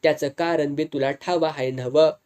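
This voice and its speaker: A storyteller doing a gruff village farmhand. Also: mid-range voice, fairly even intonation, normal speed, darkish tone, lightly acted. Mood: teasing. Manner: gruff, blunt rustic speech. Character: rough village farmhand husband, quick-tempered.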